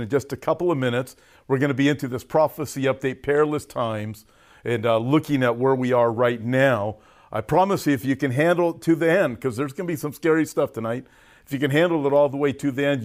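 An American pastor hosts a prophecy update for an online audience in an informal, folksy sermon style, addressing listeners directly with emphatic stresses. His medium-pitched voice is a little mellow, and he's recovering from a cough with a lozenge in his mouth.

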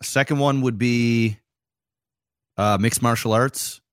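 A man in his thirties co-hosting a casual podcast, talking in a laid-back, drawn-out way with plenty of swearing. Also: medium pitch, steady tone, clear, resonant tone, dry recording, studio quality. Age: 30s. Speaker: podcast co-host. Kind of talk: casual chat.

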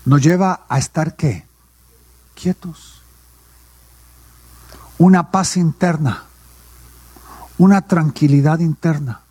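A man's voice: a little high, slow pace, long pauses, warm tone, slightly rough, dry recording. A male pastor, preaching a sermon and asking questions that he answers himself. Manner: call-and-response preaching, asks and answers his own questions.

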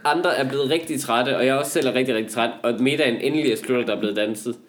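A young man in casual comic chat, rambling with animated, exasperated exaggeration. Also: medium pitch.

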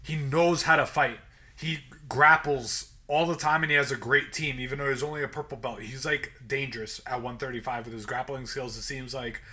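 A man's voice: mid-range voice, steady tone, a little fast, sharp tone. Laid-back man chatting inside a closet. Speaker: podcast co-host. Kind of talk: casual chat.

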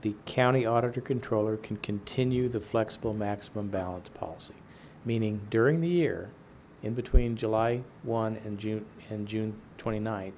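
A man's voice: on the low side, moderate pace, few pauses, darkish tone. A man in the role of finance official, explaining things plainly and step by step in a meeting. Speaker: finance official presenting to a board. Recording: faint background noise in a meeting.

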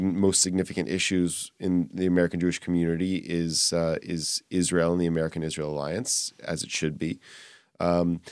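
A very low, smooth male voice in a dry recording. The man is a rabbi in discussion, speaking in halting, measured phrases with many hesitations. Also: darkish tone, no echo. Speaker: rabbi, interview guest. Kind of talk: unscripted discussion.

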